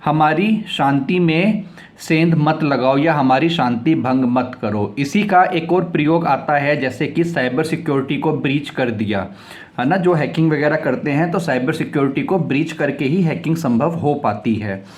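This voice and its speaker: A man's voice: on the high side, animated. A man teaching English vocabulary, explaining each word, spelling it out letter by letter and repeating it several times. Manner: spells words out letter by letter and reads example sentences slowly. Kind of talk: vocabulary lesson.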